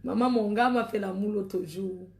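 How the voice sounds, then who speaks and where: A woman's voice: medium pitch, normal speed, vocal fry, darkish tone, roomy sound. A woman hosting a live stream, chatting in a bawdy, laughing way with frequent exclamations. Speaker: live-stream host selling products. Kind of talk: raunchy casual live chat.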